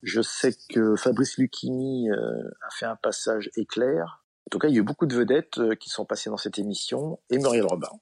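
Husky-voiced man telling old stories. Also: medium pitch, expressive, normal speed, a little mellow. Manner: anecdotal, many fillers, acts out quoted dialogue. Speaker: interview guest, comedian. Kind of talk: relaxed storytelling.

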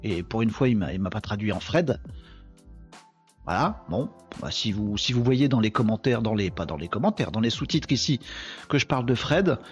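A man hosting a casual live stream, talking in a chatty, animated way and addressing viewers as friends, a little tired. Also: medium pitch, lo-fi sound. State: tired from insomnia.

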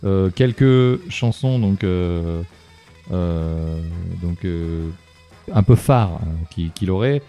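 A man's voice: low voice, slow, warm tone, clear, resonant tone, soft background music. A man chatting casually about film as a podcast co-host, hesitant with many fillers and restarts, tired late at night.

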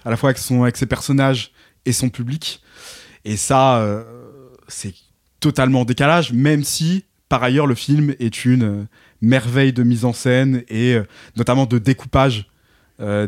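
A man talks through a film topic in a relaxed chat, slowing down to hunt for the right word. His pitch sits in the middle of the range. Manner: thoughtful, searching for words. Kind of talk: casual film discussion.

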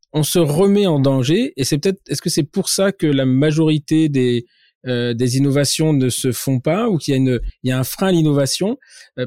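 A man with a somewhat higher voice asks a guest long, searching questions. He rephrases as he goes. His voice sounds dry and close, with little room sound. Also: darkish tone, no room sound. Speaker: interviewer. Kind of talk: interview questions.

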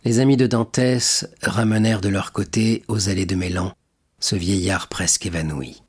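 A man narrating a classic novel as an audiobook reader, in a steady, measured way. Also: deep voice, slightly rough.

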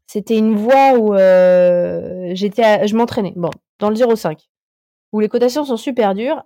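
A woman's voice: a little high, mellow, no echo, clean studio sound. A woman in her thirties, a climber guest on a podcast, chatting casually and hesitantly with many fillers and restarts. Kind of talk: casual interview chat.

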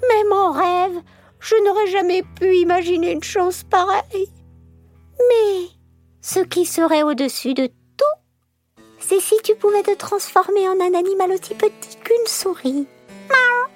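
A woman voicing a clever, bold female cat in an audio storybook, meowing between her slow, coaxing lines. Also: soft background music. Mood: flattering. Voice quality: high, childlike, meowing. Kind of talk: storybook character acting.

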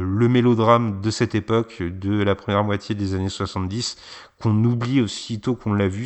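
A man co-hosting a film podcast, talking casually with frequent hesitations and fillers. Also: fairly low pitch. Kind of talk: casual film review chat.

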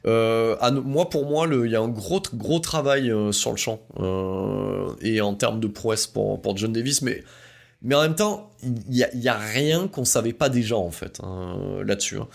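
Gravelly man chatting through a review. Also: fairly low pitch, animated, normal speed. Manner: hesitant, many fillers and restarts; enthusiastic, informal slang. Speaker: music reviewer. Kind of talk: casual spoken album review.

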